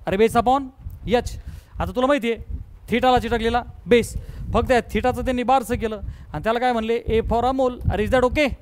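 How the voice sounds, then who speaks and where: A male math teacher with a Marathi accent lectures a classroom, pressing students to answer and repeatedly asking if they understand. His voice sits very high. The recording carries clear background noise from the room. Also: fairly even intonation, normal speed. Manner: coaxing, repeatedly checks understanding.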